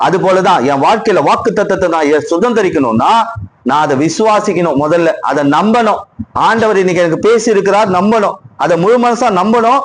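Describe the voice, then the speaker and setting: A man's voice: sits high, fairly quick, slight background noise. A middle-aged man with a Tamil accent preaches a Sunday sermon in a slightly raised voice. He repeats his phrases and keeps turning questions back on the congregation. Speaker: pastor.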